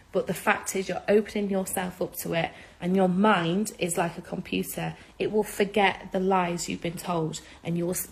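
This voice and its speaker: A woman's voice: fairly low pitch, slight background noise, rough recording. A woman giving impassioned advice in an urgent, insistent manner, repeating her key points. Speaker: social media speaker.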